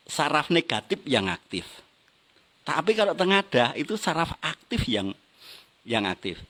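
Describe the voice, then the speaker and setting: High-voiced man teaching a seminar. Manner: lively, teasing the audience with questions and laughing. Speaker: business motivational trainer. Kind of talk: motivational seminar talk.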